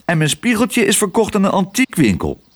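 A worried young girl from a children's storybook, pleading in a raised, lively voice, as a man puts her on. Her pitch swings up and down as she begs and frets. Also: brisk, full character voice. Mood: upset.

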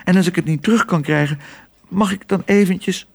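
A man's voice: high voice, sing-song, moderate pace, voice pushed up. A man voicing a worried young girl in a children's audiobook. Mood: pleading.

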